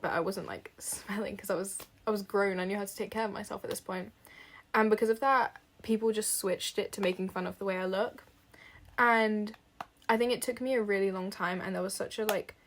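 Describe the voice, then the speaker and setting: A woman's voice: medium pitch, slight background noise. A young woman giving frank, casual advice in a chatty vlog, full of fillers and swearing.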